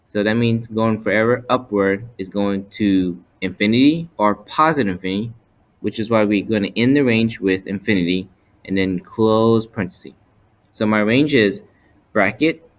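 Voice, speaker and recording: A man's voice: lowish voice, dull audio. A man teaching step by step as he narrates slides, methodical and explanatory, often restating his points. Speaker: math teacher. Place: voice-over for a screen recording.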